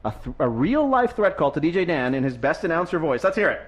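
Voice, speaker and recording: A man's voice: fairly high pitch, sing-song, fast. A man hosting a live call-in podcast, brash and sarcastic, often cutting in on callers. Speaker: radio show host.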